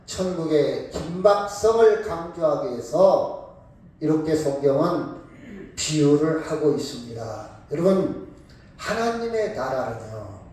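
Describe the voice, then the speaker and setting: A man preaching a sermon as a pastor, emphatic, moving between calm explanation and sudden shouts, and asking the congregation questions. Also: a little high, measured pace. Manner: asks the congregation questions and calls on members by title. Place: church sanctuary. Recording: very echoey church from a distant mic.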